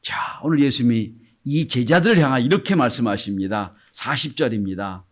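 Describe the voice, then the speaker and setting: Pastor with a lively, swinging voice. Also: male voice, mid-range voice. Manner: swings between loud exclamations and hushed, whispered quotes; reads scripture slowly and deliberately. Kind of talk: Sunday sermon.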